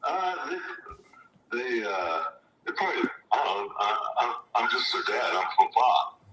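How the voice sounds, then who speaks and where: A man's voice: fairly low pitch, very animated, unhurried, bright, forceful tone. A middle-aged man, a former football player and coach, answering thoughtfully with hesitant restarts over a video call. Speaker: guest, former pro football player and high school football coach. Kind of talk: reflective interview answers. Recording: echoey distant mic with background noise.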